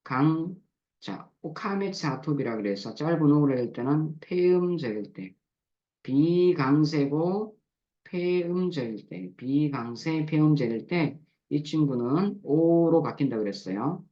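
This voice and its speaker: A man teaching a grammar lesson, patiently breaking words into syllables and repeating them slowly for drill. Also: on the high side, animated, dark tone, highs cut off. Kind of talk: recorded lecture explaining verb forms.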